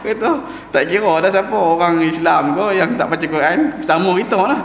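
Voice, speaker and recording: The clip captures a Quran teacher's recitation lesson, his slightly high, gravelly voice a little bright as it rings through a spacious mosque hall with long reverb and a faint hum. His delivery is informal, and he lingers slowly on Arabic sounds to demonstrate them.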